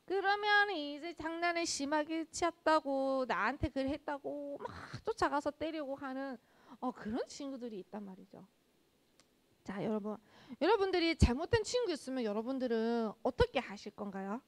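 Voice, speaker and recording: A woman gives a children's sermon in a church with a high, bright voice. Her pitch rises and falls widely as she keeps asking the children questions. She acts out their speech in quoted lines. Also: expressive, moderate pace. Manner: addresses children directly with frequent rhetorical questions. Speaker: children's ministry preacher.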